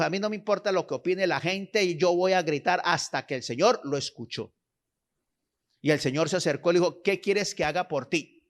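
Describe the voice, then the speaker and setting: A man's voice: high-pitched, fairly bright tone. A man preaching a sermon, exhorting his listeners, repeating phrases and checking in with them, and reading scripture aloud with emphasis.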